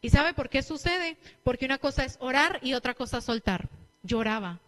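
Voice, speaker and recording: A young woman preacher with a Latin American Spanish accent, giving a lively sermon and acting out what people say. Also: high voice, moderate pace, faint music behind. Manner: lively storytelling, acting out quotes.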